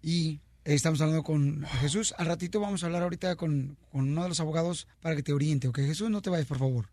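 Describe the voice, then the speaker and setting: A man hosting a lively radio show, jokey and loud, calling listeners friends and champions. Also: fairly high pitch, quick pace, no echo. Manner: jokey, loud, calls listeners paisanos and campeón.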